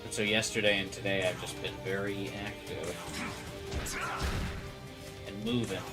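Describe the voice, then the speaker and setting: A man's voice: deep voice, steady tone, unhurried. A man chatting casually as he streams a video game. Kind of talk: casual chat while gaming. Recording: game music playing behind voice. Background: game music and audio.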